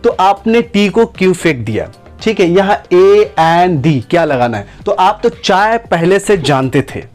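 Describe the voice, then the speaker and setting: A man teaching English grammar, who repeats and slowly stretches out each example sentence. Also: sits high, very animated, darkish tone, soft background music. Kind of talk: spoken lesson to camera.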